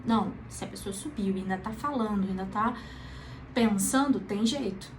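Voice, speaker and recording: A woman teaching psychology in a casual, conversational lesson, calm and reassuring, often checking in with the listener. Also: mid-range voice, moderate pace, slight background noise, poor audio. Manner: conversational, frequent tag questions, calm reassuring. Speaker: psychology educator.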